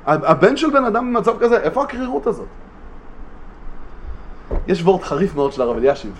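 A man giving a religious study lesson, animated, with emphatic rhetorical questions and frequent restarts. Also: sits high, a little hiss or hum. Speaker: Torah teacher.

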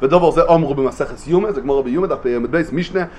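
A man giving a religious study lesson, animated, with emphatic rhetorical questions and frequent restarts. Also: a little high. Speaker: Torah teacher.

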